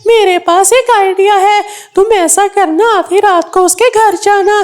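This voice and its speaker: A woman's voice: extremely high pitch, fairly even intonation, measured pace, darkish tone. A woman voicing a kind, helpful male parrot in a cartoon, speaking in a comforting, coaxing way.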